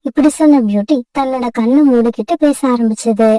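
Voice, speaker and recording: A woman narrating a children's cartoon story in a steady storytelling manner. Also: fairly high pitch, brisk, no room sound, recorded from a distance, low-quality recording.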